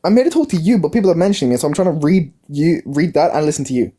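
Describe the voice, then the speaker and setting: A young man in his early twenties argues on a casual live stream. His mellow, darker voice moves through a wide, lively pitch range. He keeps circling back to the same question, stumbling into restarts as he pushes. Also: very fast. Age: young adult. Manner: insistent, repetitive, stumbling restarts. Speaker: livestream guest.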